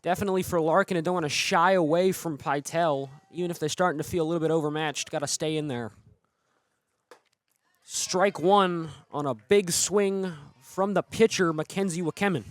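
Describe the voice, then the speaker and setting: A man calling the play-by-play of a game in steady, brisk sports commentary. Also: on the high side, no room sound. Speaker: play-by-play announcer.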